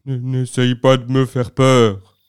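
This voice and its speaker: A woman voicing a big, grumpy, jumpy male bear in a storybook, with a gruff, grumbling delivery. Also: sits low, slow pace, darkish tone.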